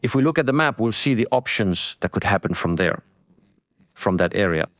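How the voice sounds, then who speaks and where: A man hosts a live breaking news stream in a fairly low voice. He explains as he goes and restates points for emphasis. The sound is dry, with very little room in it. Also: lively intonation, normal speed, no room sound.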